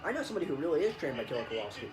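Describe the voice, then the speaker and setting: Excitable man chatting over music. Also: very fast, poor audio. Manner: excitable, rambling, jumps pitch when surprised. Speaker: wrestling reaction co-host. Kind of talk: casual reaction chat.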